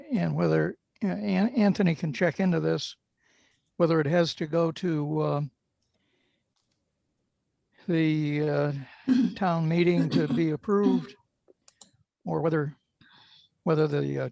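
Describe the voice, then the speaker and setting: A man speaking as a board member at a formal meeting, halting and often clearing his throat as he explains. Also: fairly high pitch, a little mellow, no room sound.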